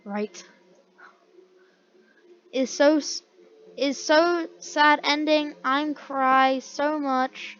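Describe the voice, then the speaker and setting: A woman's voice: sits high, drawn-out words, pauses often, fairly bright tone. A woman casually reading comments aloud and reacting with laughter and disbelieving questions. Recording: dull lo-fi mic, faint background hiss.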